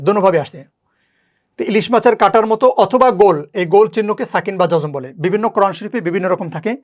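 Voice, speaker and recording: A woman teaches a recorded lesson on reading the Quran, her voice sitting at a mid pitch. She goes through each rule patiently and repeats the key points. Then she chants short syllable drills in a steady, even rhythm.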